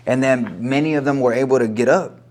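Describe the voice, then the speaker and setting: Guest: thirties man from LA, mid-pitched, earnest, reflective storyteller, drops Spanish phrases. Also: fairly quick, darkish tone. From Los Angeles. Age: 30s. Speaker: guest, corrido singer. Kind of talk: casual interview chat.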